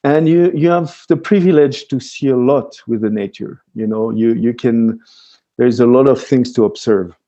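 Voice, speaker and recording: A man's voice: mid-range voice, moderate pace, dark tone, muffled recording. A man from Switzerland whose first language is French, a freeride skier speaking as a guest in a casual interview, with frequent restarts and fillers. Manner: hesitant, many restarts and fillers.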